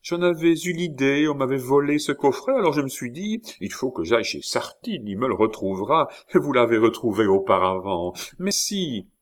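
A man's voice: expressive, moderate pace, few pauses, lightly acted. A man reading aloud and voicing a breezy, cheerful aristocratic countess in a raised, chirpy voice. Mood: chattering. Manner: chirpy, breezy, falsetto-ish.

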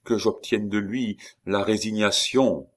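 A man's voice: fairly low pitch, fairly even intonation, a little slow, lightly acted. A man voicing a despairing king who pleads pitifully for time. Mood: pleading. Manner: plaintive, pitiful. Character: despairing weeping deposed king.

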